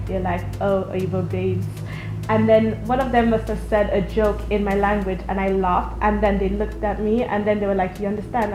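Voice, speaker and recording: Young woman raised in nigeria, chatty storyteller, roomy echo, music in the back. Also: medium pitch. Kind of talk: casual group interview. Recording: echoey room with music behind.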